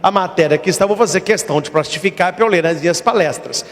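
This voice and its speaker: High-voiced Brazilian priest preaching emphatically. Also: male voice, fast talker, big-room sound. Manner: emphatic preaching, acts out quoted voices in short stories. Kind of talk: sermon.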